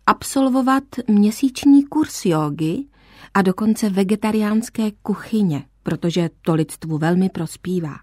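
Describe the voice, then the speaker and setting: Woman audiobook narrator, expressive storyteller, dry close studio sound. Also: mid-range voice, no echo. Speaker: audiobook reader.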